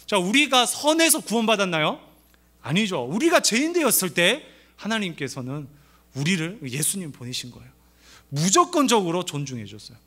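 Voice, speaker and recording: Preaching playfully at a church family seminar, this middle-aged pastor from the Gyeongsang region of Korea speaks in a high voice with a light local accent, bringing quoted lines to life as he acts them out.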